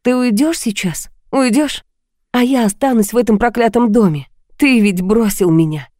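A woman's voice: a little high, unhurried, dark tone, dry recording, clean studio sound, pitched above the performer's own voice, lightly acted. A woman doing a frantic, tearful young woman. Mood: hysterical. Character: desperate young woman on the edge of hysteria.

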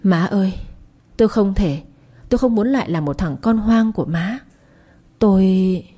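A woman's voice: mid-range voice, lively intonation, moderate pace, dark tone, close to an everyday voice. A woman voicing a bitter young man, an outcast son who speaks coldly and defiantly. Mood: tearful whisper. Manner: cold, clipped and defiant.

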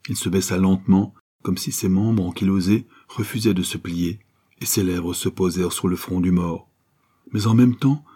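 A male audiobook narrator with a low, dark voice and a husky grain. He reads in a steady, measured way.

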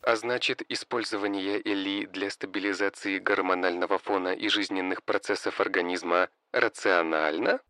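A man voicing a sarcastic male ship AI in an audiobook, speaking in a flat, robotic monotone. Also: deep voice, normal speed, few pauses, no echo. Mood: snide. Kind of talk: audiobook character voice.

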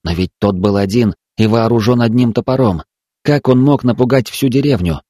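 A man narrating a story in a steady, even storytelling manner. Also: medium pitch, normal speed, dry recording. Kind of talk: audiobook narration.

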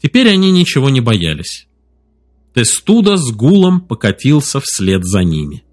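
Steady male audiobook narrator. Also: medium pitch, normal speed, faint music behind. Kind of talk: scripted narration.

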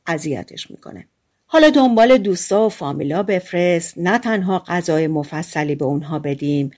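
A woman's voice: on the low side, darkish tone, lightly acted. A young fairy-tale hero who gives firm orders and sure promises, voiced by a woman reading aloud. He sounds stern and commanding. The voice sits near the narrator's own, for a storybook audiobook.

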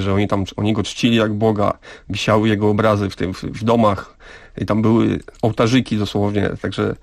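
A man with a gravelly, fairly low voice speaks as an author in a radio interview. He is earnest and emphatic, and he often repeats words as he presses his point. The studio sound is dry and close. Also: no echo. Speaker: author guest. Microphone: studio microphone.

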